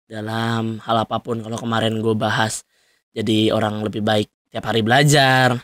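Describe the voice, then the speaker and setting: A man's voice: lowish voice, level tone, normal speed, fairly bright tone, dry recording, studio quality. A young man hosting a solo podcast, talking loosely and rambling with frequent fillers and laughs. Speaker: podcast host. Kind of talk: solo casual podcast monologue.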